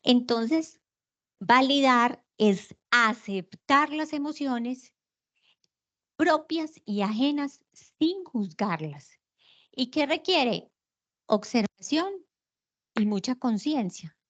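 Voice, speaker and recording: A woman's voice: high voice, animated, takes it slowly, long pauses, fairly bright tone, dull audio. A woman giving an online lecture, explaining patiently and asking rhetorical questions.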